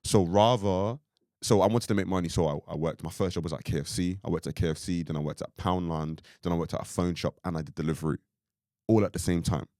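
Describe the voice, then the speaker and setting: A young Irish man with a very low, deep, mellow voice chats loosely as a podcast co-host, speaking fast in a steady tone. He rambles and leans on fillers like "like" and "you know what I mean." The sound is close and dry, with no echo or room around it.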